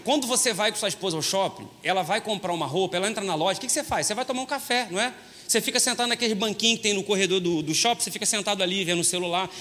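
A man preaching a lively, joking sermon as pastor, folksy and constantly addressing his listeners as brother. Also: sits high. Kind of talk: lively sermon with humorous stories. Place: church hall. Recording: long hall reverb.

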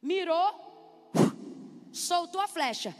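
A woman preacher delivers an animated sermon and calls on the congregation to respond. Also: very high-pitched, extremely slow. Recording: long reverb hall, faint music.

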